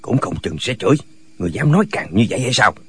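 A man's voice: mid-range voice, lively intonation, fast, fairly bright tone, slightly rough. A man doing squabbling, foolish hermit brothers. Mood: bickering. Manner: bickering, argumentative back-and-forth. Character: six squabbling, foolish male martial hermits. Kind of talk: radio drama reading.

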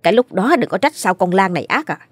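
A woman voicing a harsh, threatening older woman who collects debts, in a sharp scolding tone. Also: medium pitch, very animated, fast, breathy edge, no room sound.

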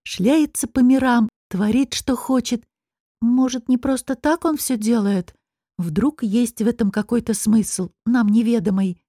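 A woman's voice: fairly high pitch, measured pace, warm tone, slightly rough, dry recording, clean studio sound. A woman reading the lines of a playful, affectionate male demon in an audiobook, in a teasing, coaxing way. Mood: scornful.

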